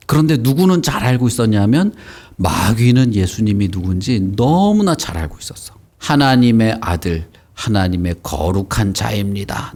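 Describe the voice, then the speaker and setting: A man leads a children's Sunday school lesson in a plain, mid-pitched voice. He speaks lively and warmly engaged, tossing questions to the kids and acting out the story. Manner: animated, asks the kids questions.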